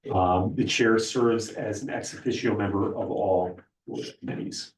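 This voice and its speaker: A man's voice: fairly low pitch, measured pace, slight background noise. A man gives an informal legal training presentation to a board, speaking as its lawyer. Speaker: lawyer briefing a school board. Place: public board meeting room. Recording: echoey meeting room, far from mic.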